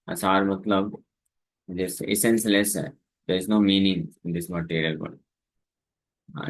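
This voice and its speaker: Slow, low-voiced man giving a sermon. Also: a bit bright. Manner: explains Sanskrit verses in Hindi, mixing in English words; sings verses slowly between spoken explanation. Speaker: preacher. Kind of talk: Hindi scripture lecture with chanted Sanskrit verses.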